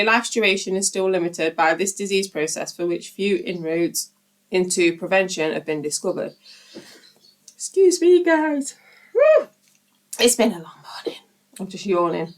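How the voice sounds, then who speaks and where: A woman hosting her channel, reading a book aloud at a steady pace and breaking off now and then for informal asides to her viewers. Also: on the low side.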